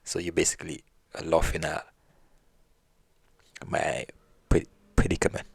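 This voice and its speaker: A man voicing an annoyed, sharp-tongued village wife in a folk tale, speaking in a demanding way. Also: rumbling low, completely flat delivery, measured pace, vocal fry, slightly rough, no room sound, exaggerated voice.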